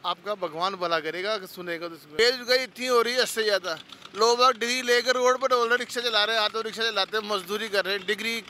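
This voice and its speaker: Guy in a street interview going on about prices, really bright tone, bit of street noise. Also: high voice, fast. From Rajasthan, India. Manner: complaining, listing rising prices. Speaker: street interviewee, day laborer. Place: city street outdoors.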